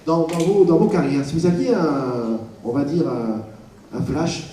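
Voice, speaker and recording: A man moderating a festival panel, joking and halting as he puts questions to guests. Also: fairly high pitch, warm tone, slight background noise. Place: large hall. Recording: echoey hall from far off.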